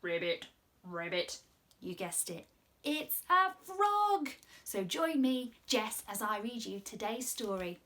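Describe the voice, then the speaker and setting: Reading to children indoors in a small home room, a British woman in her twenties speaks slowly in a voice on the high side. Her storytelling is lively and sing-song, with every expression exaggerated.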